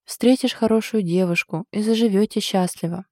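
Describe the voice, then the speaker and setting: A woman reading the part of an aunt who scolds her nephew with mock outrage but clear affection. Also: mid-range voice, normal speed, mellow, no room sound, clean studio sound, close to an everyday voice. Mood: fond scolding. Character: fussy fond older aunt, scolding yet loving.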